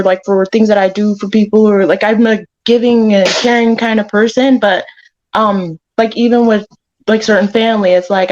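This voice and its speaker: A young woman talks haltingly, with many fillers and restarts. Her voice sits at an ordinary pitch. The clip audio sounds muffled and lo-fi. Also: darkish tone. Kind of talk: casual talk in a played clip.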